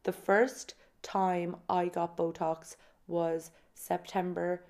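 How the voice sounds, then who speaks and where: Speaking slowly with a flat, slightly mellow delivery on the low side, a woman in her late twenties or around thirty hosts a solo podcast. Her personal storytelling is candid and casual, with self-mocking humor and dramatic flourishes.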